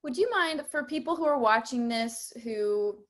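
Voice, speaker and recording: A woman co-hosts a livestream, bubbly and quick to laugh. Her voice sits a little high and moves up and down a lot. She keeps the chat friendly and light. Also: lively intonation. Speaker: co-host.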